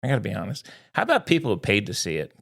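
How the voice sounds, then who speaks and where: A man's voice: fairly low pitch, huge pitch swings, very fast, gravelly, a bit bright, slightly rough. A man co-hosting a casual sports podcast over a video call, joking and teasing. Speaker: co-host.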